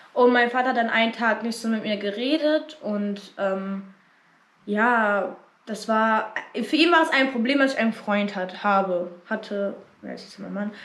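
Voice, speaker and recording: A young woman vlogger telling a personal story in casual chat, acting out what her family said. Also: on the high side. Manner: animated, acts out quotes of family. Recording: echoey room.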